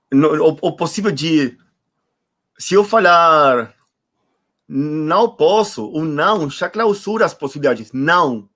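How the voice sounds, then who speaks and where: A man whose first language is Spanish reflects as a guest in an online conversation over a video call, searching for words and repeating them for emphasis. His voice has a fairly high pitch and a somewhat bright tone.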